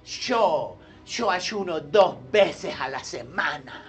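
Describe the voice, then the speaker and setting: A man's voice: a little high, animated, pitched below the performer's own voice. Man putting on a smug Argentine Pharisee. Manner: smug, slow, drawn-out boasting. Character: boastful self-righteous male Pharisee praying.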